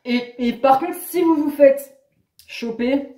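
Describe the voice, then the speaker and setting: A woman's voice: high voice, slow pace, warm tone. A young woman vlogger in casual chat, talking in a hesitant, chatty way. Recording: echoey room.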